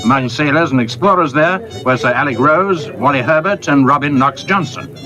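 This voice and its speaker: A man's voice from an old newsreel narrates in a crisp, formal announcer manner, pitched a touch higher than most men. Loud music plays steadily underneath him throughout. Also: normal speed.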